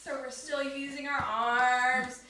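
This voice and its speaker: A woman's voice: high-pitched, flat delivery, takes it slowly, heavy reverb, far from the mic, noisy background. A woman leading a family yoga class, upbeat and instructive as she talks children through the poses. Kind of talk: guided kids yoga class.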